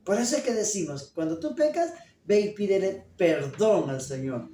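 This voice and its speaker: A pastor preaching a sermon at a deliberate pace and pausing to put questions to the congregation. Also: mid-range voice, expressive, warm tone, slight background noise. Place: church. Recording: echoey church room, voice from a distance.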